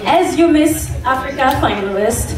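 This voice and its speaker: A young Congolese woman delivers an earnest pageant speech from a stage, heard from far off. The hall is echoey and a crowd can be heard clearly behind her. Her voice sits a little high. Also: animated, moderate pace. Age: young adult. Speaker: pageant contestant. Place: large indoor event hall.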